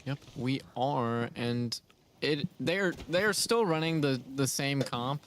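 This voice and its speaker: A man giving relaxed, rambling play-by-play commentary on a college esports match. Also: mid-range voice, takes it slowly, a little hiss or hum. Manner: relaxed, rambling, filler-heavy. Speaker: esports caster. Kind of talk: casual game commentary.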